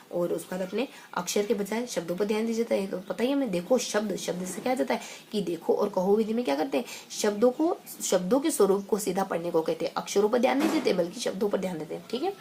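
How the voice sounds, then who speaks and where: A woman teaching an exam-prep lesson in a chatty way, repeating phrases and throwing in quick asides. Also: mid-range voice, warm tone, a little hiss or hum.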